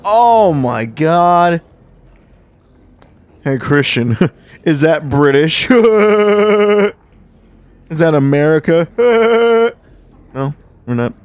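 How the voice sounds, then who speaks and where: A man's voice: high voice, sing-song, very slow, pauses often, darkish tone, smooth, dry recording. A young man chatting casually and laughing often while playing a video game with a friend. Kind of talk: casual let's-play commentary.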